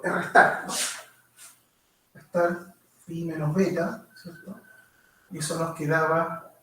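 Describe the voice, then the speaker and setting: A man's voice: on the high side, a bit bright, a little hiss or hum. A man giving a physics lecture, walking through steps and checking understanding with constant tag questions. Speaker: physics teacher. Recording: very echoey room, mic far off.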